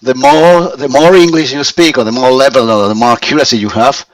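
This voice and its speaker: A Spanish man in his fifties, a learner of English, speaking in halting phrases with many restarts as he searches for words. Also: medium pitch, fairly even intonation, no room sound, far from the mic, low-quality recording. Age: 50s. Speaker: language student. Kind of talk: conversational English lesson.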